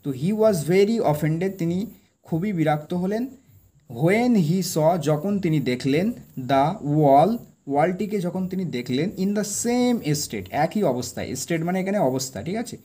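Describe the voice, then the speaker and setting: A man teaching English by reading a story aloud and translating it line by line. He reads the English slowly and with stress, explains each word, and keeps asking a quick tag question to check that the listener is following. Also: a little high, animated, mellow.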